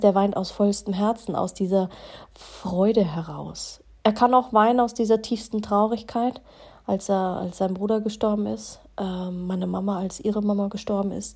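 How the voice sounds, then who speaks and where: Woman, young adult, podcast host, mellow warm tone, earnest, heartfelt, casual monologue, many fillers. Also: medium pitch.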